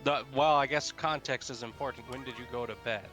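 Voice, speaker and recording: Animated man ranting in casual chat. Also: medium pitch, brisk, music in the background. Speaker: co-host.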